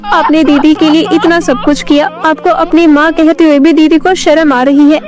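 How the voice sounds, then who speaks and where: Little sister played by a woman, high, tearful, complaining. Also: little pitch movement, moderate pace, over music, close to an everyday voice. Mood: hurt. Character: young girl, hurt little sister.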